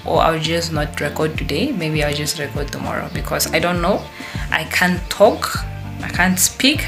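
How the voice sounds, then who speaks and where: Low-voiced woman vlogging casually. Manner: rambling, self-deprecating, chatty. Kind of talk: casual vlog talk. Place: at home at a work table, indoors. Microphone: phone camera on a tripod.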